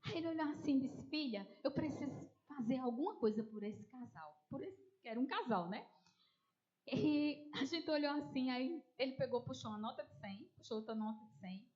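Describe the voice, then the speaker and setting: High-pitched and at normal speed, a woman's voice is heard with the highs cut off. She preaches a testimony with a Northeastern Brazilian accent, animatedly narrating, performing quoted voices, and calling her audience dear ones.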